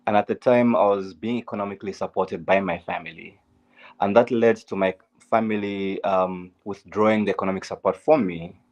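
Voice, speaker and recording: Speaking fairly quickly in a low, steady, slightly mellow voice, a young Zambian-accented guest opens up candidly about his life in an interview. He's an LGBTQ advocate who leans on frequent fillers and stock phrases, and the recording has its highs cut off.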